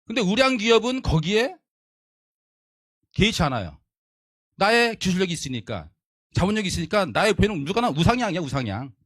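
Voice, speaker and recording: A man's voice: high voice, very animated, fairly quick, pauses often, fairly bright tone, dry recording, clean studio sound. A man giving a motivational leadership lecture in an emphatic style, repeating his points and asking his audience rhetorical questions.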